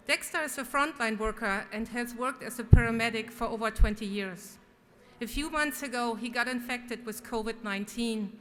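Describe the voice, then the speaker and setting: A woman's voice: fairly high pitch, fairly bright tone. A woman legislator giving an earnest, prepared floor speech. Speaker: state legislator. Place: large legislative chamber. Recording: echoey hall with clear background noise.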